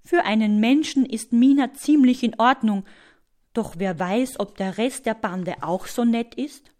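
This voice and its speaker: A woman calmly narrating a children's story, sometimes dropping to a hush. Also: fairly high pitch, unhurried. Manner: calm, hushed in places.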